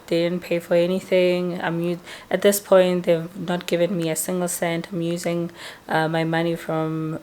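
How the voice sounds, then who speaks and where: A woman's voice: on the low side, a little mellow. A woman who teaches English, chatting casually to camera as she tells a long story and often tacks a questioning "right?" onto her sentences. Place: indoors, lawnmower outside.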